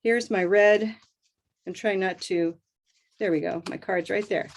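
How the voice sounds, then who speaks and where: A woman's voice: mid-range voice, fairly even intonation. Upbeat woman teaching pronunciation. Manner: upbeat, drills words by repeating them slowly. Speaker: host and English pronunciation teacher. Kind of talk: live online pronunciation lesson.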